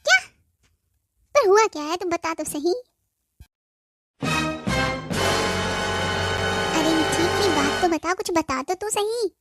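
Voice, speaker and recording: A woman's voice: very high voice, moderate pace, loud music behind the voice. A woman voicing a worried cartoon mother on the phone who presses her daughter with questions and scolds her firmly. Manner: anxious questioning, then firm scolding. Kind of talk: cartoon voice acting.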